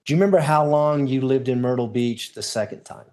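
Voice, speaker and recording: A man's voice: mid-range voice, brisk, a little mellow. A man working as a lawyer questions a witness in a courtroom, putting formal questions step by step.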